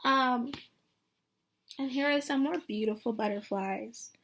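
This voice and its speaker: A woman teacher reads a picture book to young children with lots of animation, often asking them questions directly. Her voice is fairly high and gravelly, with a measured pace.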